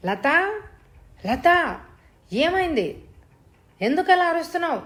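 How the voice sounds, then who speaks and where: A woman's voice: mid-range voice, measured pace, darkish tone, close to an everyday voice. Woman doing an anxious young husband. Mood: alarmed. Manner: urgent pleading questions. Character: anxious young husband, gentle, easily alarmed.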